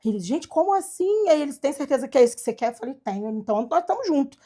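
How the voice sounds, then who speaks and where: A woman from Brazil telling her adoption story in a casual chat, animated and acting out the voices of people she quotes. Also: sits high, racing. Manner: animated, acts out quoted dialogue. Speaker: guest, adoptive mother.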